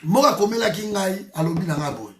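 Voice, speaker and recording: A man's voice: high-pitched, lively intonation, a little fast, roomy sound. A man from DR Congo, giving a heated political monologue as a commentator, emphatic and repeating his phrases with frequent restarts.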